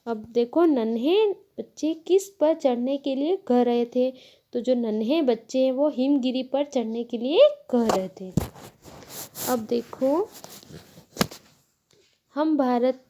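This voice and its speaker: A woman teacher explaining a lesson to young pupils, slow and patient. Her voice sits a little high but sounds soft and mellow. She explains step by step and corrects herself along the way. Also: muffled recording. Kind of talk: Hindi grammar lesson.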